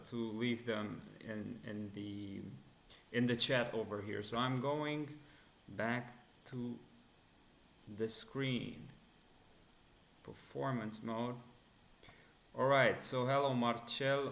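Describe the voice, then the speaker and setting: A Romanian man with a medium-pitched, creaky, slightly bright voice hosts a live coding and security stream, teaching cybersecurity. In an echoey room, he talks casually with many fillers and restarts as he answers chat questions.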